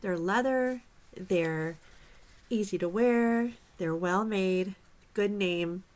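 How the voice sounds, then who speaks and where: Talking slowly in a slightly mellow, medium-pitched voice, this reseller vlogger from the Upper Peninsula of Michigan speaks straight to the camera about reselling. Her accent blends Upper Michigan with Southern Florida, and she keeps things chatty and friendly, addressing her audience as "y'all."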